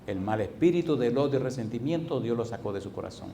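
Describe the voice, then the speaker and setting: Impassioned pastor preaching an altar call. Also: male voice, medium pitch, animated, fast, creaky, slight background noise. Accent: Puerto Rican Spanish. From Puerto Rico. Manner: impassioned, pleading, wide swings between loud and hushed. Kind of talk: evangelistic sermon with altar call.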